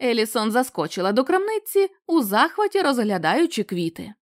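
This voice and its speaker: A woman narrating a short story as an audiobook reader, in an expressive, animated way. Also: on the high side, normal speed, no room sound, studio quality.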